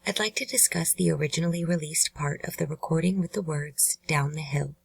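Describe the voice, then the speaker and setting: A woman hosting a true crime channel, giving measured, earnest scripted narration. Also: low voice, vocal fry, a little mellow, breathy edge, no room sound, poor audio.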